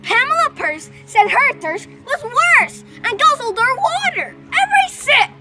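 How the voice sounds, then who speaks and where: A woman's voice: very high voice, sing-song, a little slow, full character voice, rough recording. A woman playing a schoolgirl classmate, reciting a rhyming tale with a sing-song storytelling rhythm. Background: music.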